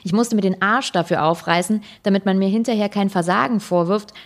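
A woman's voice: mid-range voice, a little fast, lightly acted. A woman voicing a combative young female talk-show guest who speaks bluntly. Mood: indignant.

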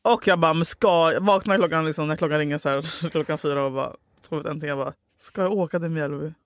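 A woman spins a personal story on a podcast with lots of energy, swearing freely and jumping into the voices of the people in it. She sounds close and dry on a studio mic, with no room echo. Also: deep voice. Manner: animated, swears freely, acts out quoted dialogue. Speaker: podcast host telling her love story. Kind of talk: casual storytelling chat.

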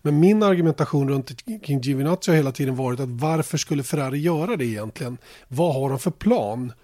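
A man's voice: medium pitch, animated, mellow, no room sound, clean studio sound. A Swedish man hosting a casual motorsport podcast, thinking aloud with many fillers and restarts. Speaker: podcast host.

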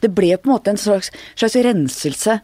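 A woman, interviewing a guest and prompting her with calm questions. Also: mid-range voice, dry recording, clean studio sound.

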